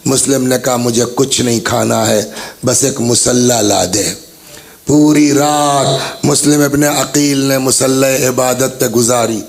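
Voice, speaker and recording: A man's voice: mid-range voice, steady tone, gravelly. A man giving a Muharram majlis sermon as a religious orator, telling the story dramatically and voicing its people while speaking directly to the gathering.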